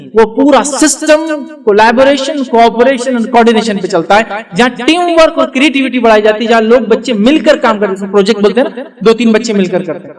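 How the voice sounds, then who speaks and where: A man addresses an audience in an earnest, questioning way, slipping English words into his speech. His voice sits high for a man. The mic is a little too far from him. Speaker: Islamic speaker giving a parenting talk.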